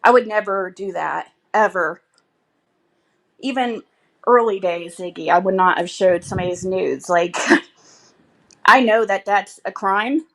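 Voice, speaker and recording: A woman's voice: medium pitch, measured pace, gravelly, pauses often. A woman chatting casually and bluntly to viewers on a livestream, rambling in a gossipy, sweary way.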